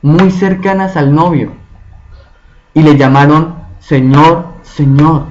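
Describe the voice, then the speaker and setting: A man's voice: fairly high pitch, a little mellow. A man teaching a Bible study, often checking in with his listeners through rhetorical questions. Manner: slow, asks the group frequent rhetorical questions. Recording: dull lo-fi recording.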